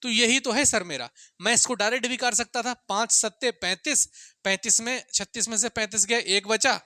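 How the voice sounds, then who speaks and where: With an extremely high pitch and a bright, forceful delivery at moderate pace, a man teaches maths informally to students preparing for exams. He questions and answers himself, repeats what matters, and keeps calling his audience sir and friends, all captured in echo-free studio quality.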